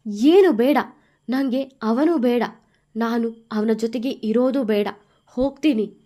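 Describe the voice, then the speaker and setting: A woman voicing a tearful, angry young wife who speaks loudly and emphatically. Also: on the high side, unhurried. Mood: upset, angry. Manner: loud, emphatic, pleading.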